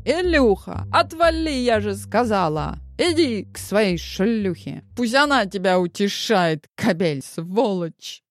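A woman voicing a drunk, furious woman in her forties who shouts insults in a shrill, slurred voice. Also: lively intonation, slow pace, few pauses, dry recording, soft background music.

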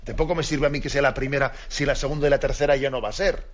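A priest giving an earnest radio catechism talk, repeating key phrases for emphasis. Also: male voice, medium pitch, steady tone, rapid-fire. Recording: dull lo-fi radio broadcast.

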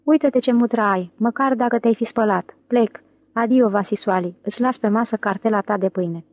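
A woman's voice: fairly high pitch, darkish tone, dry recording, natural voice. A blunt, impatient wife speaks curtly in this audiobook scene, read by a woman in her own voice. Her irritation stays plain and unadorned. The sound is dry and close. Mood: irritated. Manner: curt and irritated.

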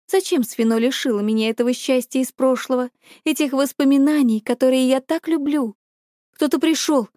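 A woman reading a myth aloud as a calm, brooding first-person narrator. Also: high voice, no echo, clean studio sound. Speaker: audiobook narrator.

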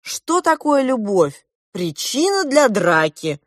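A woman reads a storybook aloud in an earnest mood, voicing a proud, argumentative boy prince from an undersea kingdom with a haughty, lecturing tone. Her exaggerated performance is pitched above her own voice, on the high side, with big pitch swings and a slow pace. The studio-quality audio has no echo.

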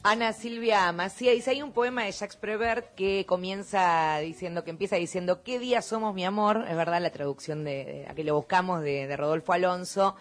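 A woman's voice: on the low side, fairly even intonation, normal speed, hardly any pauses, soft background music. A woman co-hosting a radio show, reading listener messages aloud.

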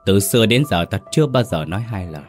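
A man's voice: on the low side, animated, fast talker, faint music behind, natural voice. A man voicing a cruel, scheming second wife of a landlord, giving cold and contemptuous orders in a storybook tale. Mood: menacing. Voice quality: cold, hissing threats. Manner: contemptuous, commanding.

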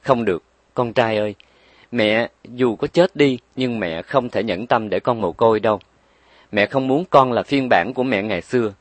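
A man's voice: medium pitch, moderate pace, dry recording, lightly acted. A man voicing a frail young mother who is desperate and pleading, in a weak, raised voice.

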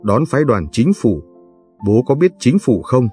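A man reading aloud, voicing a poor, cheerful young villager who talks loudly and hurriedly. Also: mid-range voice, big pitch swings, soft background music. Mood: lively. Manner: loud, hurried and warm.

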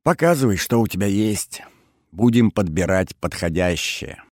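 A man's voice: fairly low pitch, animated, normal speed, dry recording, clean studio sound. A man voicing a grumpy, spry old male power engineer in an audiobook, grumbling and teasing.

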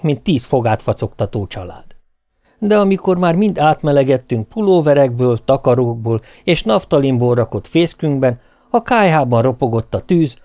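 A man narrating an audiobook of a comic novel. He reads in a middle-pitched voice, and his delivery is lively and expressive, shifting tone to carry the story along. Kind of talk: audiobook reading of a humorous novel.

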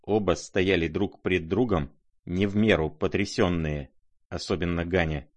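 A man narrating a classic novel as an audiobook, dramatic and measured. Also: sits low, fairly even intonation.

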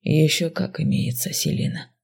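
A teasing dark mage speaks slowly, his voice pulled low and soft with amusement, put on by a woman narrator. There is a gravelly edge under his words. He sounds quietly mocking and sure of himself. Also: heavily acted. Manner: low, slow, mocking murmur. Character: smug teasing male dark mage dean.

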